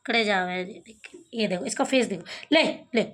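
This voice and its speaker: In her home courtyard, a pet vlogger holds up her phone camera and casually addresses a cat, calling it in a coaxing sing-song. Her mid-range voice has a fairly bright tone and moves at normal speed.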